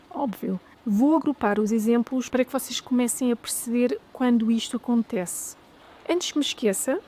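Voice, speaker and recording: Portuguese-accented woman teaching clearly. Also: on the high side, dark tone. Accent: European Portuguese. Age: adult with a child. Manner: clear, deliberate, slows down to spell out example phrases. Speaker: language teacher. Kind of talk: educational video lesson.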